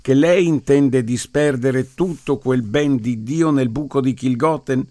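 A male narrator voicing an indignant village priest who booms with outrage. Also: normal speed, a little mellow, no room sound, clean studio sound, close to an everyday voice. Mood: outraged. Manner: booming, outraged. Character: indignant fiery middle-aged village priest.

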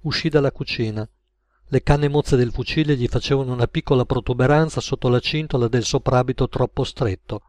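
A man narrating an audiobook in a measured, even manner. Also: mid-range voice, no room sound. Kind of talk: audiobook reading.

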